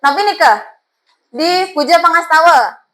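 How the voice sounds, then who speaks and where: Bright, high-voiced Balinese woman teacher. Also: measured pace, rough recording. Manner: coaxing, asks students questions. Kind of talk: classroom teaching.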